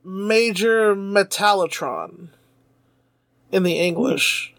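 High-voiced man in loose podcast banter. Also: takes it slowly, a bit bright, no room sound, clean studio sound. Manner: chatty, laughs often, swears casually. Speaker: podcast co-host. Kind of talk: casual podcast chat.

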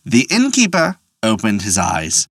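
A storyteller reading a folk tale in a lively, playful way, adding wry asides. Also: medium pitch, measured pace, no echo.

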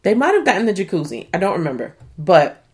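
A woman casually recapping a reality dating show, animated and slangy, swearing and laughing often. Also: lowish voice, fast. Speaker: show reviewer.

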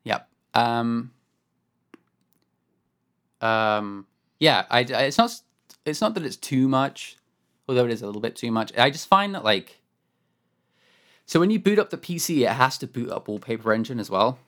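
A man's voice: medium pitch, lively intonation, normal speed, pauses often, a bit bright. A man co-hosting a podcast from home, chatting casually about a game in a rambling, wry way, often correcting himself. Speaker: podcast co-host. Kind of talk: casual chat.

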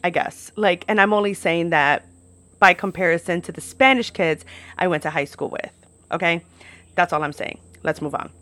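Young woman, American, casual podcast storyteller. Lowish pitch, very dry sound, frank and chatty delivery. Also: moderate pace, a bit bright, no room sound. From United States, New York and Florida. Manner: candid, chatty, frequent "like" as filler. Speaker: podcast host. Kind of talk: casual personal storytelling to camera. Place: outdoors at home.

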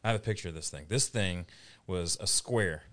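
A man's voice: low voice, fairly quick, fairly bright tone. A man co-hosting a casual podcast, chiming in with jokes. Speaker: podcast co-host. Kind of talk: casual chat.

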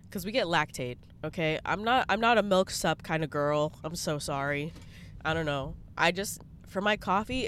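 Sitting in her parked car, a young vlogger chats bluntly and swears freely in a casual video. Her voice is on the low side and congested, with slight background noise.

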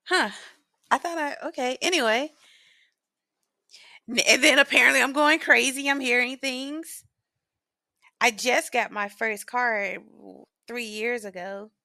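A woman around thirty talks with a bright, slightly high voice that laughs easily and teases back, recorded close and dry with no room sound. She chats casually as a guest. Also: unhurried, pauses often, no echo. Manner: laughs often, chatty and self-mocking. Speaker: podcast guest. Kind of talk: casual chat.

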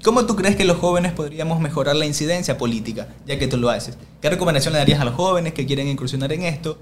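Un joven ecuatoriano de voz algo aguda que cuenta anécdotas de barrio a toda velocidad, con un leve ruido ambiental detrás. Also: male voice, a little high, fast, a little hiss or hum. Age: young adult. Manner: animated storyteller, acting out dialogue. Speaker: community leader. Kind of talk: casual podcast conversation.

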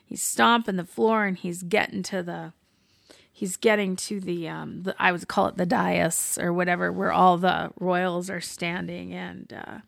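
A woman with a gravelly, fry-tinged voice talks through a TV episode with open excitement, dropping swear words as she goes. The sound is dry and close, with no room around her. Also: fairly low pitch, unhurried, no room sound. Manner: excited, swears freely, recaps scenes with gusto. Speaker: podcast co-host. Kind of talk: casual TV recap chat.

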